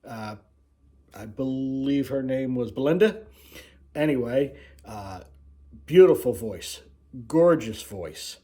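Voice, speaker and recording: A man hosting a casual, unscripted video, telling his story in a rambling way with frequent pauses. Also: mid-range voice, animated, dark tone. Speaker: video host, cruise vlogger.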